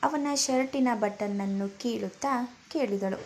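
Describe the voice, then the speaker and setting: Slow, gentle woman storyteller. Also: on the high side, slight background noise. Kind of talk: scripted story narration.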